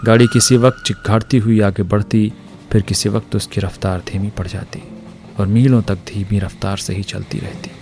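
A man narrating a story in a steady, measured way. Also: lowish voice, background noise. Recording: narration with faint music.

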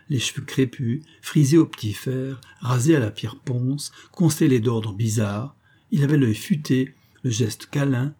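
Husky man reading a classic novel. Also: medium pitch, warm tone. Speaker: audiobook narrator. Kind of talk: scripted narration.

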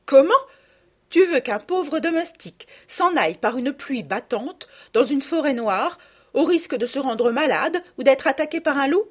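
A gentle yet firm mother , as a woman reader puts her on, lectures in an earnest storybook voice. Her tone rides higher than the narration and moves freely up and down. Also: expressive, normal speed. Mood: admonishing. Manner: earnest, admonishing. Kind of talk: storybook reading.

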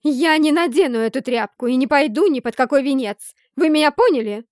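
A woman's voice: high voice, lively intonation, a little fast, dry recording, studio quality, voice pushed up. Woman playing a furious young heroine. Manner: loud, indignant, hissing. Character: defiant young heroine, angry and scared.

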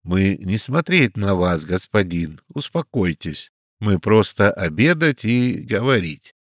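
A man's voice: fairly low pitch, very animated, slow, no echo, studio quality, exaggerated voice. A man voicing a tall, hot-tempered young man who speaks in broken grammar. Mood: angry.

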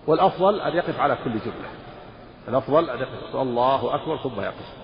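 A man's voice: medium pitch, expressive, fast talker, crowd noise. A man, an Islamic scholar, teaching a religious lesson, explaining rules and briefly intoning the phrases he discusses. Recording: dull lo-fi audio with long hall reverb.

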